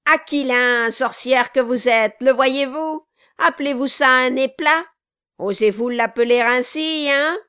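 A woman doing a loud, menacing dwarf man. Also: fairly high pitch, slow, clear, resonant tone, no room sound, studio quality. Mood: taunting. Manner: loud, taunting. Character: menacing grotesque male dwarf, mocking and fierce.

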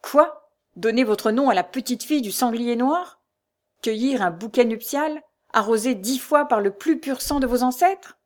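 A woman's voice: medium pitch, normal speed, darkish tone, close to an everyday voice. A woman voicing a proud old baron in a storybook, raging at his son with vehement, commanding force. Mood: furious.

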